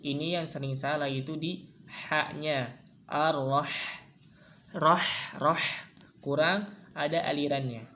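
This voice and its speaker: Casting note: unhurried male recitation teacher, chants then corrects, faint ambience behind. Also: on the high side, steady tone, pushed and bright, reverberant, a little hiss or hum. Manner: chants verses slowly, then explains mistakes in casual speech; contrasts wrong and right pronunciations repeatedly. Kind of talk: recitation lesson with demonstrations.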